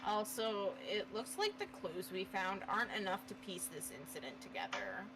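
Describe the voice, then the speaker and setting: A woman's voice: mid-range voice, lively intonation, normal speed. A woman reading a game character's lines in a casual group session, with teasing asides. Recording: noisy mic audio.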